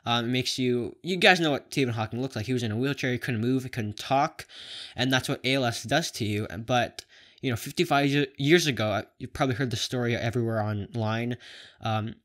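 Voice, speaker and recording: A man's voice: medium pitch, a bit bright. Lisping young man, rambling vlogger. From Canada. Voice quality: lisp with whistling s from plastic braces. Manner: rambling, halting, self-correcting. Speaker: video blogger. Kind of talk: casual talk to camera.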